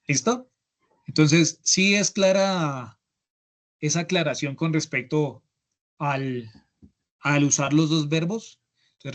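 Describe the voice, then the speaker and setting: A man with a Colombian Spanish accent runs an online English lesson, explaining grammar one step at a time and regularly checking in with "¿listo?" His voice sits a little high with a fairly bright tone. He's picked up by a computer mic on a video call.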